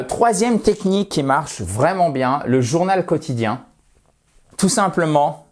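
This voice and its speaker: A native-speaking man teaches an English lesson online, speaking in a medium pitch. He is lively, addresses his viewers directly, and checks in with them often.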